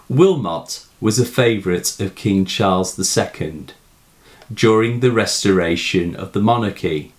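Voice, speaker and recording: A man with a lowish voice speaks as a teacher, presenting a scripted literary analysis and reciting verse. His phrasing is measured and deliberate, with dramatic emphasis.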